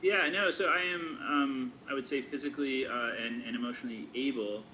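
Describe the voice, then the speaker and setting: A forty-year-old man with a bright, forward voice thinks out loud, pausing often on fillers and restarting his sentences. A faint hiss of noise sits behind him. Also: medium pitch, low-quality recording. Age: 40s. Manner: thoughtful, hesitant, many fillers. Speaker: school staff member. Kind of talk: casual reflective conversation.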